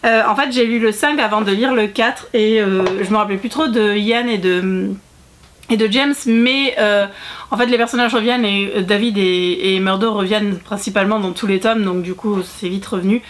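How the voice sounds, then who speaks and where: In a mid-range voice at a moderate pace, a woman book vlogger speaks casually to the camera for her viewers. She chats freely, with plenty of fillers, restarts, and self-corrections.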